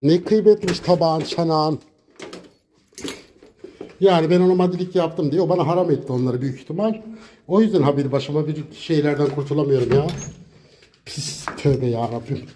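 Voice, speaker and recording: Man, high voice, theatrical ranting cook, home kitchen, faint frying behind. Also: a little fast, pauses often, a little hiss or hum. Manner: dramatic, shouts insults, addresses viewers as "canlarım". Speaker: cooking vlogger. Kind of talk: casual cooking vlog with theatrical rants.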